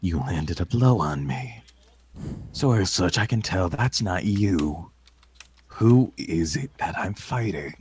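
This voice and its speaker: A grim male warrior full of vengeance, deep and slow-spoken, as a game master puts him on. The voice is quiet and threatening, with some distance from the mic. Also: expressive, a little hiss or hum. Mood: cold.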